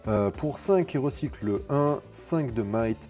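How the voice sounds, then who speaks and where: A man casually commenting while opening card packs, reading card names slowly and explaining the rules in quick asides, with fillers and self-corrections. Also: medium pitch, lively intonation, dark tone, faint music behind. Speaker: card game content creator.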